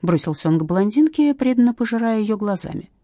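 Woman narrating a novel, dark dry tone. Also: fairly high pitch, animated, fairly quick, dry recording. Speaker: audiobook narrator.

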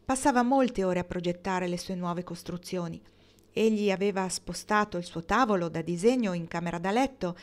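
A woman reading a novel aloud with steady, even narration. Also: fairly low pitch. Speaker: audiobook reader.

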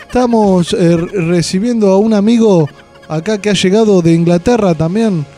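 A man's voice: high voice, normal speed, warm tone, faint music behind. A man with an Argentine Spanish accent hosting a casual, joking radio chat in a studio. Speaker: radio host.

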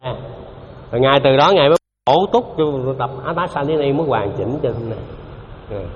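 A man with a medium-pitched voice, talking a bit quickly, gives a Buddhist dharma talk. He keeps it conversational, says things more than once, and questions those listening. The sound is a dull lo-fi hall recording with faint noise.

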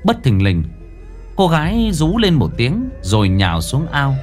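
A man's voice: medium pitch, wildly swooping pitch, a little slow, darkish tone. A man narrating a scripted ghost story in a dramatic, suspenseful way. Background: faint background music.

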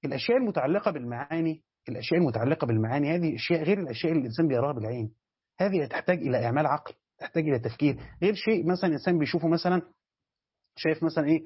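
A man's voice: on the high side, lively intonation, rapid-fire, husky. A man with an Egyptian Arabic accent, a sheikh teaching a Quran commentary class who explains step by step and keeps checking that his students follow. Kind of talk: classroom lesson. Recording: dull lo-fi lecture recording.

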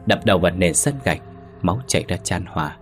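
A man reading a ghost story aloud in a very deep, low voice, steady and solemn. Soft music plays faintly underneath. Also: a little fast. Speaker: narrator.

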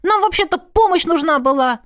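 A man's voice: very high voice, a little fast, fairly bright tone, dry recording, clean studio sound. A woman reading an audiobook, voicing a cheeky young male elf thief who squabbles indignantly. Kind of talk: audiobook character voice.

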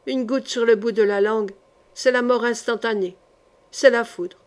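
A gaunt, scheming sorcerer, as a woman reader puts him on, calm and icy in his calculations, then raising his voice in rage. A voice a little high for the role, drawn from a historical novel read aloud. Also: normal speed, close to an everyday voice. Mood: cold. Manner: cold, turning to furious shouts.

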